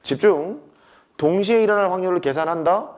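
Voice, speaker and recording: A man's voice: sits high, brisk. A man teaching a math class, talking to students in casual speech and hammering points home by repetition.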